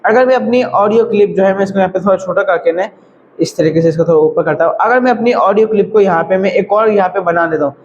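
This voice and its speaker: A man with a high-pitched voice talks fast, teaching audio editing in a casual screen-recorded tutorial. He's chatty and repetitive, saying "thik hai" and "bhai" again and again. The recording is muffled, with a little hiss or hum.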